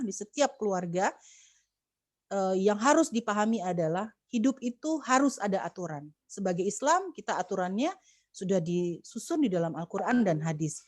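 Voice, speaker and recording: A woman's voice: mid-range voice, darkish tone, no room sound, studio quality. A woman speaking as a communication expert on a video call webinar, giving earnest, preachy advice to mothers with many fillers and restarts.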